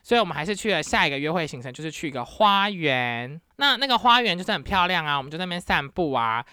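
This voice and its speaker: A woman from Taiwan tells her dating stories as a podcast host in a loose, chatty way. Her speech is animated and full of exclamations, with a lowish voice that swings widely in pitch. The sound is close and dry, with no room echo. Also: fast talker, clean tone. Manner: animated, exclamatory, with English words mixed in. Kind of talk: casual storytelling.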